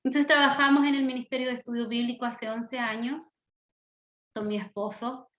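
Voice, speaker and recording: A woman's voice: a little high, fairly even intonation, normal speed, a bit bright, reverberant, lo-fi sound. A Chilean woman in her thirties, from the south of the country, introducing herself earnestly as a missionary Bible teacher in an online class. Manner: earnest, enthusiastic, fervent.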